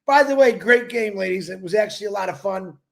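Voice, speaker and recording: A man hosting a casual motivational livestream, talking in a rambling, animated way and laughing often. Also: sits high, fast, vocal fry. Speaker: livestream host.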